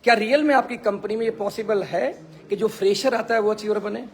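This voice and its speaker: A network marketing team leader with a hoarse, gravelly voice that's high for a man gives a brisk, motivational Facebook live talk. It's an emphatic pep talk, and he repeats phrases to drive his points home.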